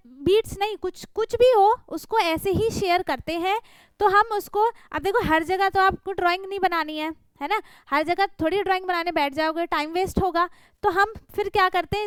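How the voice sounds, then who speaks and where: A young woman with an extremely high, fairly bright voice and no room sound walks small children through a worksheet. She stays patient and keeps checking they follow with "theek hai" and "hai na."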